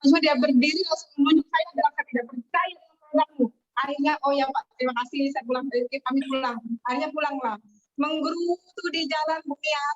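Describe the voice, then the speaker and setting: Woman guest, high voice, animated storyteller, distant lo-fi webinar audio. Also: a little fast. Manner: animated, acts out quoted voices. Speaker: guest telling her success story. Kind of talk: casual storytelling.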